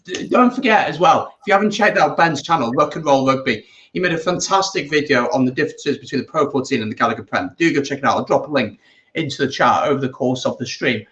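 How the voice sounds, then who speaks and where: A man's voice: medium pitch, lively intonation, fast talker, a bit bright, lo-fi sound. A man hosting a casual live rugby watch-along, chatting and reading out viewer comments. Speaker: watch-along stream host.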